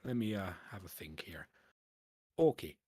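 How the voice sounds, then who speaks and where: A man voicing a stingy, gruff male merchant with a Scottish accent that drifts toward Irish. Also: deep voice, expressive, moderate pace, dark tone, no room sound, clean studio sound. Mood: scheming.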